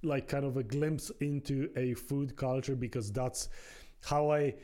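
Man, podcast host, mellow dark voice, casual food interview, slow searching phrasing. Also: mid-range voice, fairly even intonation.

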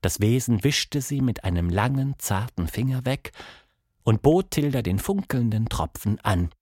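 A man narrating a children's story in a scripted, expressive way. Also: mid-range voice, a little slow, breathy edge, dry recording, clean studio sound.

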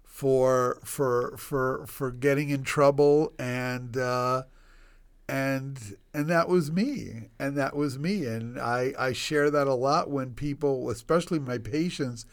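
Slow and smooth, this mid-range male voice belongs to a Northern Virginia obstetrician in his sixties. As a casual interview guest recounting his life, he wanders, restarts often, and pokes fun at himself.

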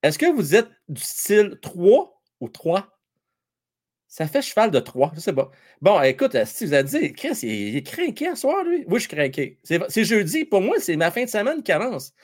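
A man with a Québécois French accent hosting a hockey livestream, chatting and joking with his viewers in an excitable way. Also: sits high, fairly quick, hardly any pauses. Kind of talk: casual live chat with viewers.

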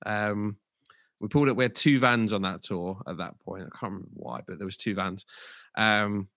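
Low-voiced sweary man telling stories. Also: normal speed, fairly bright tone, no room sound, clean studio sound. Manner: sweary, laughing, storytelling. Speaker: podcast co-host, tour manager. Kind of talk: casual chat.

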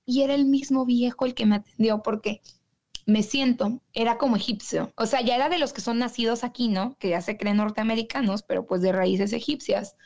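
Woman w a monterrey accent, slangy and chatty, kinda high voice. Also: steady tone, fairly quick, creaky, darkish tone, dull audio. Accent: northern Mexican (Monterrey). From Monterrey, Mexico. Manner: chatty, slangy, quotes people in her stories. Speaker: guest. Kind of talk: casual storytelling in an interview.

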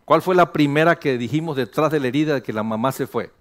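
An older man gives a sermon-style teaching, his voice sitting a bit higher than most men's. He is animated and joking with the congregation, then drops into a hushed, low tone. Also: fast talker. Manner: animated, jokes with the congregation, mixes English phrases. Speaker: pastor.

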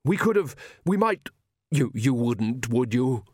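A man's voice: medium pitch, sing-song, a little slow, breathy edge, no echo, clean studio sound. A man voicing a young male vampire who stammers and pleads frantically. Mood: pleading.

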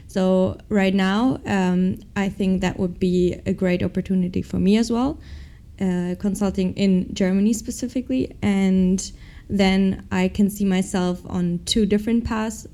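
A young woman who was once a professional athlete and now studies for an MBA answers interview questions with a mid-range, mellow voice. She sounds upbeat but hesitant, restarting often.

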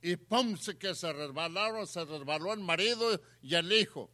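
A man's voice: fairly high pitch, normal speed, bright, forceful tone. A man preaching a sermon, putting questions to his listeners and repeating his points for emphasis.

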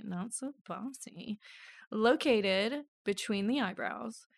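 A woman's voice: medium pitch, no room sound, studio quality. Giggly woman co-host reading notes. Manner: giggly, self-mocking, reads lists with asides. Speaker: podcast co-host. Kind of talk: casual chat, reading notes.

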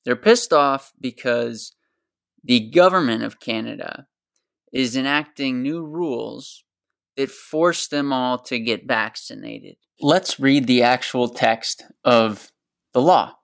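American guy ranting on his podcast, gravelly voice, swears a lot, gets real worked up. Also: mid-range voice, slow, a bit bright. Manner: passionate, ranting and profane. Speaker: podcast host. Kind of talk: opinionated solo commentary.

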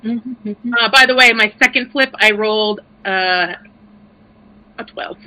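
A woman's voice: medium pitch, takes it slowly, pushed and bright, poor audio. A woman playing a tabletop game, chatty and explaining her plans step by step. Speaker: player. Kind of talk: casual tabletop play.

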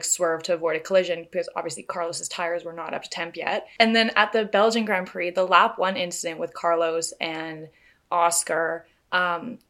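A woman's voice: fairly low pitch, fairly bright tone. A woman co-hosting a casual podcast, talking in a chatty way with lots of filler words. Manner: chatty, many "like" fillers, laughs easily. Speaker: podcast co-host. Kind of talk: casual chat.

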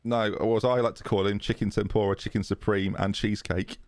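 A man talking football in a relaxed chat with a co-host. His voice sits low with a gravelly, fry-edged texture, and the recording is dry and close. He restarts his sentences often as he thinks aloud. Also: brisk, no echo. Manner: chatty, restarts often with a laugh. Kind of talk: casual chat.

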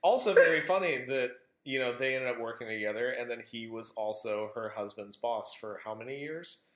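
A man's voice: mid-range voice, brisk. A man co-hosting a film podcast, chatting casually, adding trivia and introducing the next film. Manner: relaxed, agreeable, adds trivia and introduces films. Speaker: podcast co-host. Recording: roomy echo.

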